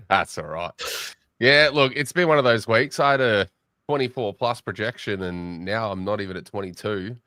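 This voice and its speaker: A man's voice: lowish voice, measured pace, dry recording, clean studio sound. A young Australian man hosting a casual late-night fantasy football chat, joking and bantering with his guests. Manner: joking, banter-heavy, excitable. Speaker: podcast host.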